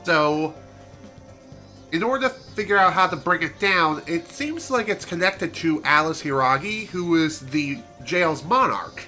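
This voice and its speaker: Over background game music, a man streams a video game, talking a little slowly in a slightly high, sharp voice with lively intonation. His casual let's-play chatter sounds nasal and congested and is peppered with self-deprecating comments.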